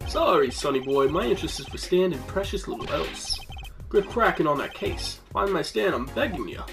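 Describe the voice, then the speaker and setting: A man's voice: fairly high pitch, sing-song, moderate pace. A man voicing a rambling old cook with a doddering manner, over game music. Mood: pleading.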